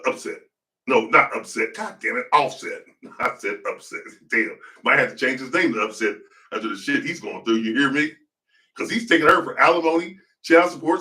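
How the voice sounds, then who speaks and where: Animated profane man podcasting. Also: on the high side, distant mic. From United States. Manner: profane, rambling, laughs often. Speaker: podcast host. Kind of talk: casual celebrity-gossip commentary.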